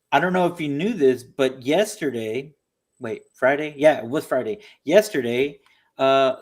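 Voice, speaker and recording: A man chatting on a casual podcast, his pitch swinging up and down as he talks. He speaks animatedly, filling his talk with "you know" and slipping into mocking voices. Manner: animated, mocking impressions of opponents. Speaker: podcast co-host. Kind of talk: casual political chat.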